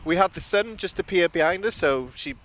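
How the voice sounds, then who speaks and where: A British man hosts an outdoor plane-spotting stream beside an airport, giving casual, chatty live commentary. His voice sits high and sounds fairly bright, animated and a little fast. Aircraft, traffic and general urban noise fill the outdoor background.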